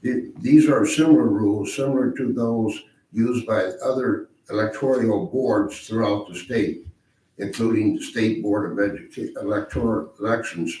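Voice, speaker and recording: A hoarse, raspy man speaking formally as a mayor chairing a board meeting, reading out procedure. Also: lowish voice, normal speed, mellow. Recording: roomy, distant mic, faint noise.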